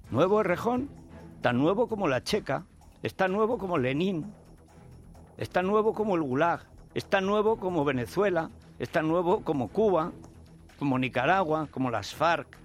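A man's voice: a little high, a bit bright. A man with a Spain Spanish accent delivering a combative, sarcastic opinion monologue as a political commentator.

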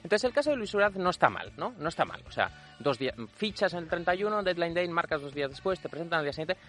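A man's voice: on the high side, big pitch swings, fast talker, a bit bright. A middle-aged man telling football stories on a radio show, explaining at length with many fillers and repetitions. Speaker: regular football storyteller guest. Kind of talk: conversational storytelling on radio.

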